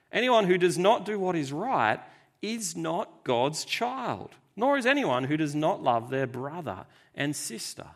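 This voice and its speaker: A man's voice: on the high side, fairly bright tone. A man preaching a sermon in an earnest, emphatic way, speaking directly to his listeners.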